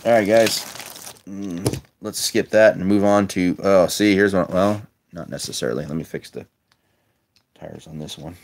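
A man's voice: sits low, normal speed. A man casually commenting while opening a lot of old toy cars, chatty and wry with muttered asides, filmed on a handheld phone at a table indoors. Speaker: toy collector vlogger. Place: indoors at a table, filming toys close up.

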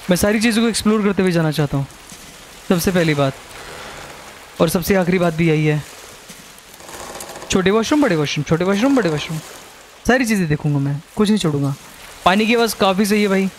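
Young male gamer, high voice, jumpy horror commentary, light hiss under it. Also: expressive, brisk, long pauses. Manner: jumpy, swears, mixes Hindi and English. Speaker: gaming streamer.

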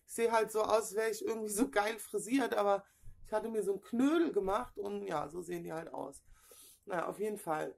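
A middle-aged woman, telling a story casually to her camera at home in an excitable, chatty way, acting out what people said. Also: medium pitch, brisk, vocal fry. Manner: chatty, excitable, acts out dialogue. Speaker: vlogger. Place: at home indoors. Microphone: camera in front.

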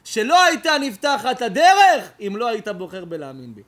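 A rabbi delivers an emotional storytelling sermon, swinging from loud outcries to hushed tones. His voice is high and bright, with a forceful edge. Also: huge pitch swings. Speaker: rabbi and preacher.

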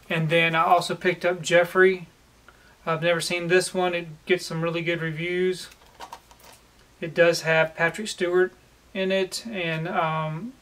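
A man in his forties, a collector vlogger, does a casual haul video at home, seated in a room with shelves along the walls and talking toward the camera. He keeps it relaxed and plain, pausing with "um" frequently, and his pitch is fairly high for a man.

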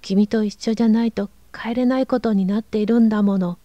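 A woman's voice: medium pitch, steady tone, a little fast, mellow, dry recording, lo-fi sound, lightly acted. A woman reading aloud, voicing a frightened, sickly teenage boy who pleads in gasping half-whispers. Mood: pleading.

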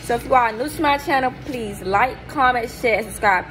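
Animated young woman with a higher voice, telling a storytime. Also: a little fast, slight background noise, rough recording. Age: 20s. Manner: animated, acts out quoted people in a higher voice. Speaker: vlogger. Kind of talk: casual storytime chat. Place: hotel room, indoors. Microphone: phone camera held close below the face.

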